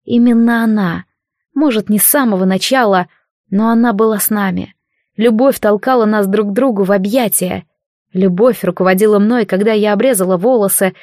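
A woman reading a first-person fantasy audiobook in a calm, even storytelling manner. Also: mid-range voice, dry recording, clean studio sound. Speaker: audiobook narrator.

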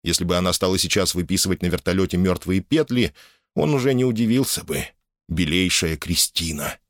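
A male narrator reads a novel aloud with an expressive, dramatic delivery. His voice is low but very animated in pitch, and the recording is dry, with no room sound. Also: brisk, no echo. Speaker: audiobook narrator. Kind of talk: scripted audiobook narration.

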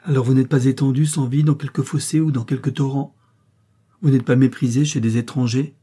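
A blind, brooding older man, as a male reader voices him, earnest and emphatic. The voice is very dark and mellow with a husky edge, like a storybook reading. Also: mid-range voice, fairly even intonation, fairly quick, lightly acted. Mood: moved.

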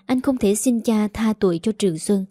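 A woman telling a story as a steady, scripted narration. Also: medium pitch, moderate pace, dry recording, clean studio sound.

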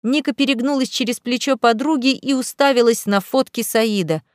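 A woman's voice: a little high, normal speed, no room sound, clean studio sound. A woman reading a novel aloud as narrator, telling the story steadily and evenly. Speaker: audiobook reader. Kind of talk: scripted narration.

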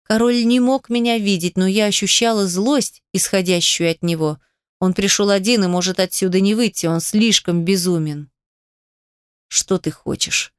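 Woman narrator, audiobook, smooth clear voice, dry close mic. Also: medium pitch, moderate pace, no room sound. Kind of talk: audiobook narration in first person.

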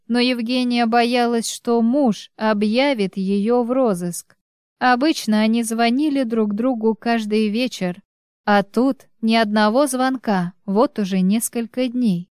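A woman narrating an audiobook in an even, measured way. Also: fairly high pitch, clear, resonant tone, no echo, studio quality. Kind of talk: scripted narration.

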